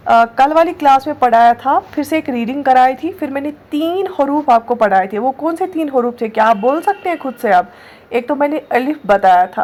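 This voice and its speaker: A woman's voice: sits high, darkish tone. A woman teaching an online Urdu class, patiently spelling out letters and words and often checking in with her students. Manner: patient, repeats words slowly, often checks with "theek hai". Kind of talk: online exam-prep lesson.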